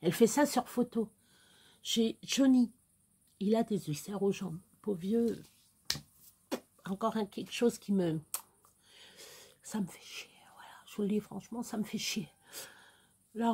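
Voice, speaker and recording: Slow-talking husky woman vlogging at night. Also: mid-range voice, mellow. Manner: chatty and unfiltered, coos at her pets. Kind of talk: casual night-time vlog. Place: home at night.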